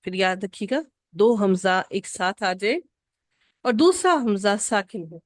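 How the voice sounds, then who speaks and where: A woman teaching an Arabic grammar lesson, patiently repeating each rule slowly for her students. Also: mid-range voice, lively intonation, dry recording, clean studio sound.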